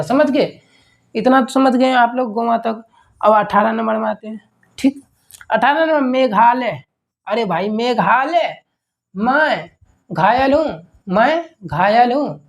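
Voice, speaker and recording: A young man with an extremely high-pitched voice teaches an online general-knowledge lesson on memory tricks. His style is informal and chatty, repeating key words and constantly asking rhetorical questions.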